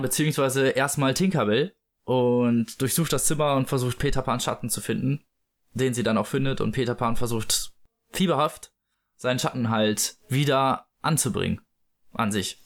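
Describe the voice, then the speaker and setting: A man's voice: mid-range voice, moderate pace. A man casually retelling a story as a host, loose and full of fillers. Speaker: host reading and discussing a book. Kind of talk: casual chat and book read-aloud.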